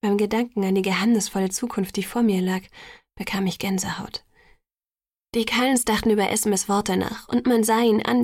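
A woman narrating a novel in the first person in a measured audiobook reading, lightly lifting her voice for the characters. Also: medium pitch, vocal fry, no echo, studio quality.

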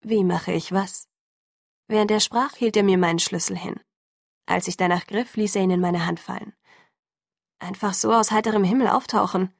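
Woman, first-person audiobook narration, steady delivery, gravelly tone, dry close recording. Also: medium pitch, a little fast, dry recording.

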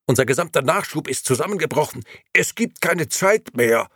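A man voicing an agitated grey gentleman in an audiobook, bringing alarming news. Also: fairly high pitch, animated, normal speed, dry recording, studio quality, voice pushed up. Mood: alarmed. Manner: agitated, urgent.

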